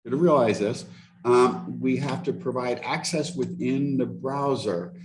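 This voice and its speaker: A man leading a teaching workshop as a casual live software demo, thinking aloud and correcting himself as he goes, heard over a video call. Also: medium pitch, a little slow, slight background noise.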